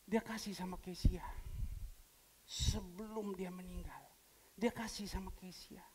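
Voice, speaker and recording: A male pastor from preaching a sermon, telling a story with quoted dialogue and big swings in pitch and loudness. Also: fairly even intonation, unhurried, slight background noise. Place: church hall. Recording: long church hall reverb.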